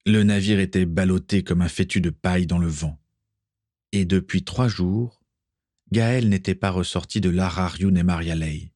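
A man narrating an adventure novel aloud in an expressive storytelling manner. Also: deep voice, no echo, clean studio sound.

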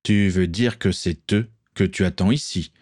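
A man's voice: sits low, measured pace, darkish tone, no echo, clean studio sound. A man reading aloud, voicing a stern aristocratic father who questions his son reproachfully, in a storybook reading.

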